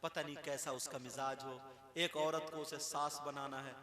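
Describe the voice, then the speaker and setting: Animated preacher with a high voice. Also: male voice, moderate pace. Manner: animated storytelling, mimics quarrels, rising to shouts. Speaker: Islamic preacher. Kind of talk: sermon. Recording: echoey hall with crowd.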